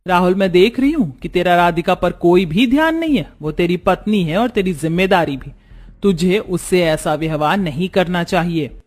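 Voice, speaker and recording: A woman's voice: on the low side, expressive, moderate pace, darkish tone. A woman voicing a kind middle-aged mother-in-law in a cartoon story who speaks in a soothing, motherly way. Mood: scolding.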